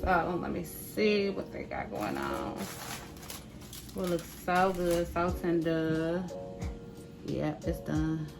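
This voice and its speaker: A woman's voice: lowish voice, lively intonation, slow, creaky, pauses often. Chatty woman cooking at home. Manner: chatty, repeats "right?" and "y'all". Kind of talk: casual cook-along chat. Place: home kitchen. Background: background music.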